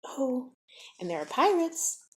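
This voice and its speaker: A woman's voice: sits high, big pitch swings, slow, pitched above the performer's own voice, heavily acted. A woman voicing a sweet young girl in a storybook reading, gushing and delighted.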